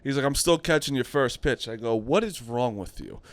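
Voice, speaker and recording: A man's voice: mid-range voice, animated, moderate pace, dry recording. A man co-hosting a casual chat, telling stories with frequent laughter and casual swearing. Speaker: podcast co-host.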